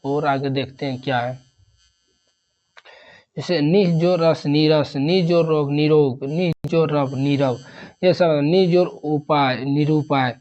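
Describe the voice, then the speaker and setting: A man's voice: a little high, fairly even intonation, slow pace, darkish tone, muffled recording. A man teaching an exam revision grammar lesson, rattling off examples one after another and repeating terms.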